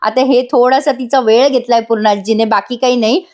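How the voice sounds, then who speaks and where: A woman's voice: fairly high pitch, fairly even intonation, a little fast, noisy background. A woman giving a chatty voice-over review of a TV serial, talking straight to viewers and laughing often.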